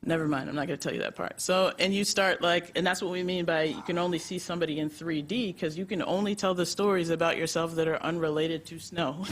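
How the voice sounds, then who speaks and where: An American woman who serves as a nonprofit executive director speaks on a conference panel, animated and chatty, with plenty of laughs and fillers. Her voice is lowish and fast, and there's a little hiss or hum.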